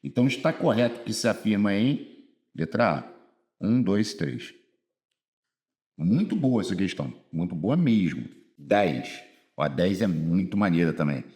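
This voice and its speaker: This is a Brazilian man with a low voice and a lively, swinging intonation, explaining exam grammar like a casual tutor. He drops into slow, deliberate reading for each quoted item. Then he picks back up with slangy, conversational explanations. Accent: Brazilian Portuguese. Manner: colloquial, reads quiz items aloud slowly. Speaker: exam prep teacher.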